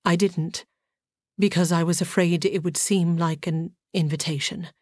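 A woman voicing a reserved, formal male nobleman who speaks quietly and with earnest, halting sincerity. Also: fairly low pitch, fairly even intonation, no echo, clean studio sound.

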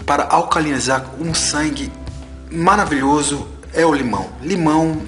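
A man's voice: mid-range voice, fairly bright tone. A man in his forties vlogging about health products in an emphatic, preachy way, repeating his points, with faint music behind. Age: 40s. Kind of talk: casual vlog, unboxing and health advice.

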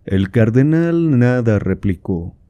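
A man reading a classic novel aloud in a calm, measured narration. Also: medium pitch, no room sound, dull audio. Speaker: audiobook reader.

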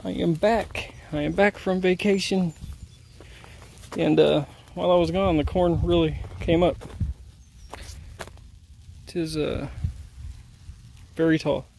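A man with a somewhat high, gravelly voice talks casually as he walks a crop field. He rambles in an easygoing, self-deprecating way. The sound comes from a handheld camera outdoors. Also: steady tone, takes it slowly, long pauses, darkish tone, a little hiss or hum. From Indiana. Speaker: arrowhead hunter filming his finds. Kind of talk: casual outdoor vlog narration. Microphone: handheld camera mic.

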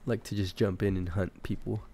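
Commenting on a game, this man talks in a low, gravelly rasp, casual and rambling at a normal pace. Sick-sounding, he keeps clearing his throat and cursing freely, while constant hiss fills the recording.

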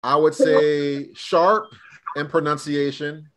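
A man's voice: fairly high pitch, fairly even intonation, slow pace, slight background noise. A man teaching a live online Hebrew class, speaking casually and drilling students with questions.

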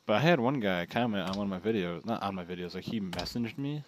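Over a slight hiss or hum, a young gamer with a fairly low voice and lively intonation talks fast as he plays alongside a friend. It's easygoing co-op banter, full of jokes and rambling stories.

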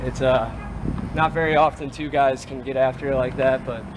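Easygoing young guy sidekick, mid voice, joking, loud road noise behind. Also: medium pitch, fairly even intonation, normal speed. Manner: joking, laid-back. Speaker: gym partner. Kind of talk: casual chat. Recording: noisy car and street ambience.

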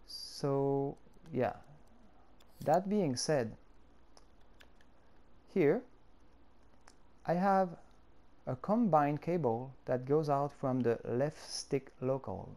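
Here the tutorial creator has a mid-range, dark-toned voice. He is a Frenchman speaking accented English, patiently guiding listeners through a game editor step by step with frequent filler words.

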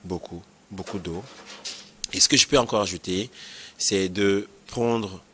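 A man's voice: low voice, unhurried, fairly bright tone, slight background noise. A man, a nephrologist explaining kidney stone prevention in a health interview, repeating key points and checking that he is understood.

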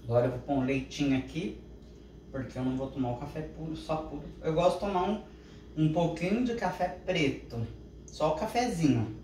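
A woman's voice: low-pitched, expressive, fairly quick, mellow, distant mic, slight background noise. An older woman with a Brazilian Portuguese accent chatting casually to viewers in her home kitchen in a homely way. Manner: chatty and homely, talks to viewers while cooking. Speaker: vlogger. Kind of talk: casual home vlog chat. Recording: roomy home echo.

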